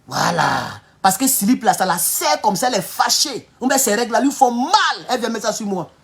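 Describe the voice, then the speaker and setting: Ivorian french guy on a live stream, animated and mocking, laughs a lot, goes from low mutters to loud outbursts. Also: brisk, creaky. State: sore back. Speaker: online political commentator. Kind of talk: casual livestream talk reading viewer comments.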